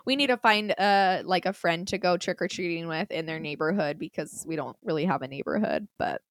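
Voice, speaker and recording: A woman's voice: fairly low pitch, fairly quick, dry recording, studio quality. A woman in her thirties co-hosting a podcast, talking casually with lots of likes and laughs. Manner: casual, filler-heavy, laughing often. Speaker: podcast co-host. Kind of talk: casual chat.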